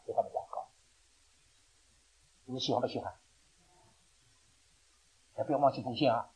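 A man's voice: fairly high pitch, slightly rough, muffled recording. A man preaching a sermon, telling stories in a chatty way with laughs and stammered restarts.

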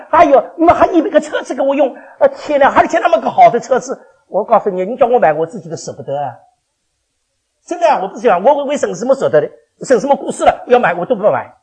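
An older man preaching a sermon to his congregation as their pastor, animated and chuckling as he fires questions at the listeners. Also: high voice, breathy edge. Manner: animated, quizzes the congregation with questions, laughs often. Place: church.

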